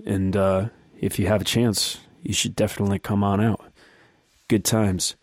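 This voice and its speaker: A man hosting a casual podcast, talking in a relaxed, enthusiastic way. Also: lowish voice, normal speed, dry recording, clean studio sound. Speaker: podcast host.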